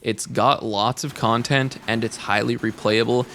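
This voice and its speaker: A man's voice: mid-range voice, fairly even intonation, measured pace, fairly bright tone, a little hiss or hum. A young man voicing a scripted game review, candid and casually blunt, speaking close to the mic.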